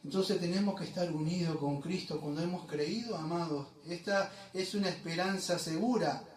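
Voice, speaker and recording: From far back in an echoey church, you hear a man with a fairly high voice preaching as pastor at a normal pace. His sermon is emphatic, and rhetorical questions pepper it throughout.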